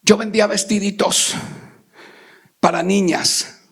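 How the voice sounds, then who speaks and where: A man from Colombia preaching a Pentecostal sermon, moving between shouted preaching and quick, hushed storytelling and calling out to the congregation. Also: sits high, little pitch movement, husky. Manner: calls out to the congregation. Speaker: pastor. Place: church sanctuary.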